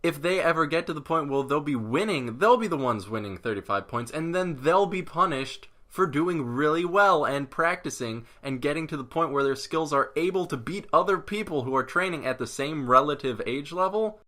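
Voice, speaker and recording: A man's voice: fairly high pitch, animated, normal speed, few pauses, sharp tone. A man hosting a casual commentary vlog, ranting with sarcasm. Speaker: vlogger.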